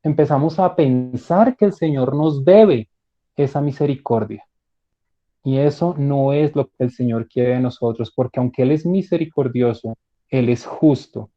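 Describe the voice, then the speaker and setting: A man teaching a church Bible class as a pastor, retelling a story and acting out the voices in it. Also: lo-fi sound. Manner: acts out quoted dialogue with raised pitch. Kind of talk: sermon-style Bible lesson with storytelling.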